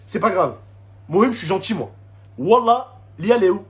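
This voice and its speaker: A man's voice: sits high, animated, moderate pace. A man with a French suburban street accent, ranting indignantly to his subscribers in street slang with Arabic interjections, repeating himself and asking rhetorical questions. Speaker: YouTuber addressing subscribers. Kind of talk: emotional spoken rant to camera.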